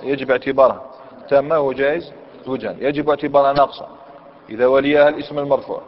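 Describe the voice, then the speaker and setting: Male Algerian grammar teacher in a classroom lesson, mid-pitched voice, lo-fi hall recording. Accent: Algerian Arabic. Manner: questions students and repeats key points; reads the commentary text aloud, then explains. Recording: echoey hall, dull lo-fi sound.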